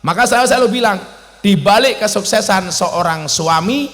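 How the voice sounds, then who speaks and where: A man preaching a humorous sermon to a crowd at an outdoor mosque event, teasing his listeners and jumping between loud exclamations and low asides. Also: moderate pace, big-room sound.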